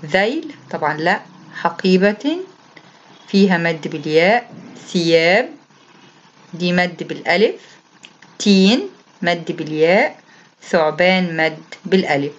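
In a recorded classroom lesson, a primary school Arabic teacher with an Egyptian Arabic accent explains the material to young pupils. Her voice is on the low side with lively intonation, a little slow and with frequent pauses, captured with lo-fi sound. Patient and repetitive, she reads each instruction aloud and then explains it.

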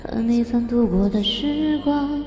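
A woman livestream host singing karaoke slowly and softly, her voice drowned in a heavy cathedral-like echo. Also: on the high side. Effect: heavy cathedral-like echo on the mic. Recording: echoey karaoke mic with long reverb, backing music.

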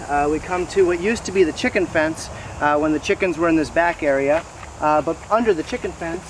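A man in his thirties with a slightly high voice gives a casual, explanatory walking tour of a wooded backyard garden to camera, sometimes pausing mid-sentence. A camera mic several meters away picks up his voice along with noisy outdoor ambience, including insects.

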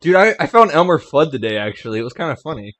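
Excitable male gamer host, bright tone, bouncy pitch, prone to laughing and yelling at the game. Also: fast talker. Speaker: let's play host. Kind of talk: casual gameplay commentary.

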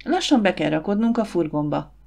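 A woman voicing a confident, warm young woman who runs a catering business, in an audiobook. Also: fairly low pitch, big pitch swings, gravelly, exaggerated voice. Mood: warm brisk. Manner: brisk, encouraging.

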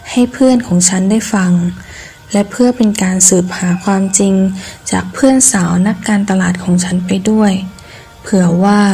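A woman reading a scripted first-person ghost story in measured, deliberate phrases with pauses. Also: medium pitch, warm tone, slight background noise. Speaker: horror story narrator.

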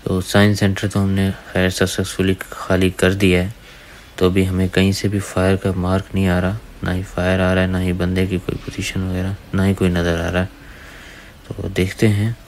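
A man with a low voice speaks at normal speed in a completely flat delivery, with a little hiss or hum on the recording. He's a gaming YouTuber doing casual gameplay voice-over, addressing viewers as brothers, his throat dry from talking. Faint gunfire sits beneath his voice.

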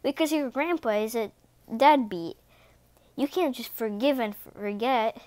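A woman's voice: a little high, unhurried, darkish tone, dry recording, natural voice. A woman voicing a grumpy, bitter cat father who scolds in a sour way in a read-aloud storybook.

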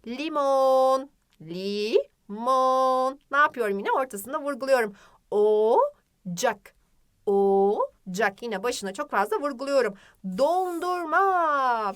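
A young woman teaching a children's phonics lesson, drawing out words and asking the class questions in a lively, sing-song way. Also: high voice. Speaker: primary school teacher.

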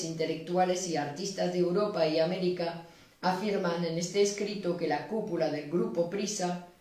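A woman giving a steady public reading of news clippings and diary entries. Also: lowish voice. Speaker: reader. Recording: echoey room, distant from mic.

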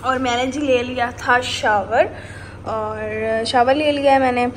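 A woman's voice: a little high, steady tone, a little slow, slight background noise. A young woman chatting casually to viewers and walking them through her chores and cooking, step by step. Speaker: vlogger. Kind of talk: casual chatty vlog narration. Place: apartment kitchen and laundry area, indoors.

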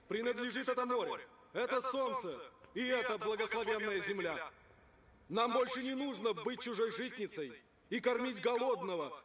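Pompous, high-pitched naval commander. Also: male voice, a bit bright, reverberant. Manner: oratorical, declamatory. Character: pompous male naval commander addressing assembled submariners. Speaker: actor playing a navy commander. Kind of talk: film drama speech to troops. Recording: distant from the mic, faint music behind.

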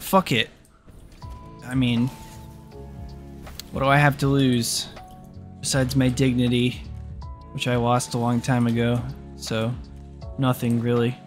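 A young man talks through his factory build in loose, joking gameplay commentary, with the odd curse thrown in. His voice sits in a middle pitch. Soft music plays quietly behind him. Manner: goofy, jokey, swears freely. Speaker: gaming YouTuber.

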